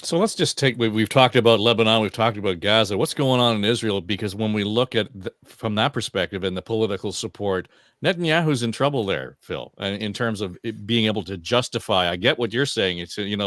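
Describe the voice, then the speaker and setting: A man's voice: on the low side, fast talker, a bit bright, dry recording, studio quality. A man hosting a podcast discussion, conversational, handing questions to his guests. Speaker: podcast host.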